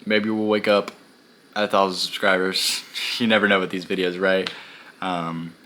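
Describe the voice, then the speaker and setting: A man hosting a card pack-opening video, chatting casually to camera with lots of fillers and self-corrections, his voice going a little hoarse. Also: low-pitched, little pitch movement, normal speed, bright, forceful tone, slight background noise.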